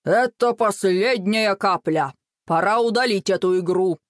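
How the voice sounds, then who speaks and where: A stern middle-aged father speaks in a slow, lowered, deliberate voice, as a woman reader puts him on. Every word is weighed and grave. The sound is dry. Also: sing-song, dry recording, heavily acted.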